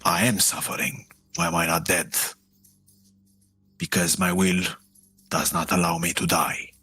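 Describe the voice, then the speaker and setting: A man playing a proud, strong-willed warrior in a tabletop game, arguing earnestly in a husky voice. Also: low-pitched, level tone, a little slow, sharp tone, faint music behind, heavily acted. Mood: earnest, pleading.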